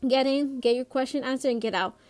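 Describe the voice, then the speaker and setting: Lady reading as a strict dad at the dinner table, scolding and measured, voice sitting fairly high, storybook read-aloud. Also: a little mellow, lightly acted. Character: stern middle-aged father at dinner.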